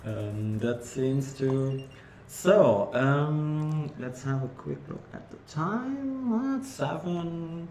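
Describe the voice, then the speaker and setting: A man with a German accent chatting casually on a game livestream, halting and searching for words. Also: fairly high pitch, lively intonation, a little mellow, reverberant, a little hiss or hum. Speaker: game developer.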